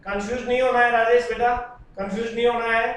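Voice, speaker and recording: A man's voice: very high-pitched, little pitch movement, quick pace, a bit bright, far from the mic. A man teaching a live online class, answering students' comments in a chatty, fatherly way. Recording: very echoey room, voice from away from the mic.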